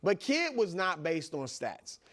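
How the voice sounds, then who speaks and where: A man co-hosting a studio sports debate, laying out his view in a measured way and agreeing often. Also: high voice, wildly swooping pitch, fairly bright tone.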